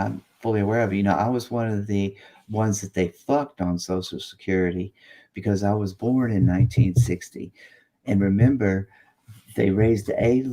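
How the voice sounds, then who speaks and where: Guy pushing sixty, really low voice, rambly and swears a lot. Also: mellow. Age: late 50s. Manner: rambling, profane. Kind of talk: casual chat.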